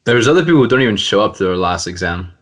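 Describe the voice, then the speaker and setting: His lowish, fairly bright voice races along animatedly as he hosts a casual podcast. He's a young man in university, teasing his friends with jokes throughout.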